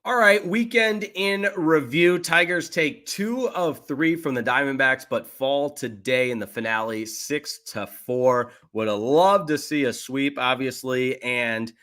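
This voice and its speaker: A young man hosting a solo sports podcast, recapping the weekend's games in an animated, self-deprecating way with quick asides. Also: medium pitch.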